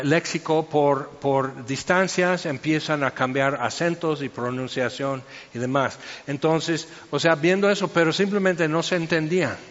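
A man's voice: on the high side, in a large hall, highs cut off. A man giving informal Bible teaching, chatty and storytelling, full of fillers.

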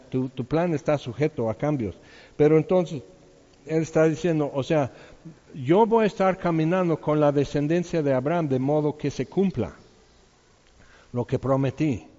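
A man's voice: a little high, dark tone. A man giving an informal Bible teaching in a conversational way, asking his listeners questions and chuckling now and then. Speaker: preacher. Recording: dull sound with long hall reverb.

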